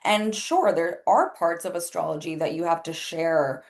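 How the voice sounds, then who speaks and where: Her voice is lowish and her pace normal as this Spanish-first-language woman, an astrologer and life coach, guests on a podcast for a casual interview chat. She's candid and chatty, leans heavily on "like," and acts out what others said.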